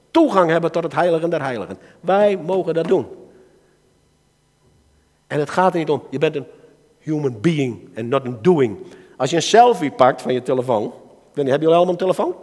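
Dutch man preaching in a reverberant hall. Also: a little high. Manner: lively, swings between soft asides and loud exhortation. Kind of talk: sermon. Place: church hall.

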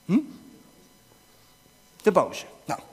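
A man leading an interactive children's talk in church, coaxing the kids with questions and now and then breaking into shouts. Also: very slow. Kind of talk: interactive object lesson with children. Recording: long hall reverb.

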